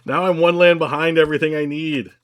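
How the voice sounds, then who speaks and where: A man's voice: on the high side, fairly even intonation, a bit bright. A man bantering casually during a card game, joking, swearing and teasing his opponent. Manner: joking, swears often, quick teasing asides. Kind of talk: casual banter while playing.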